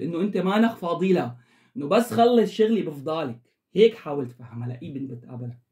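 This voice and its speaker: A man's voice: fairly high pitch, gravelly, darkish tone. A man giving emphatic, lecturing advice straight to the camera as the host of an advice channel. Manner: emphatic, lecturing, repetitive instructions. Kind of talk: direct-to-camera advice monologue.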